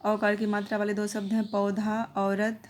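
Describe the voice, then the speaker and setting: A woman's voice: medium pitch, completely flat delivery, normal speed. A young woman teacher explaining a grammar lesson to young children, patiently checking in with tag phrases.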